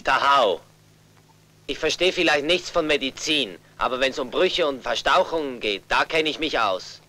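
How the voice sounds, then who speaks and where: A man's voice: mid-range voice, animated, moderate pace, sharp tone, rough recording. A man dubbing a young adult younger brother, earnest and insistent, protective of his family. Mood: determined. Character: protective younger brother, a fighter back home. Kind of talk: German film dub.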